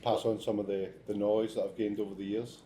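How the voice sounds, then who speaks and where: A man's voice: lowish voice, fast, slight background noise. A Scottish man, a chef who teaches students, speaking steadily and plainly in an interview. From Scotland. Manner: steady, plain-spoken, with some restarts. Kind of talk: casual interview chat. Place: restaurant.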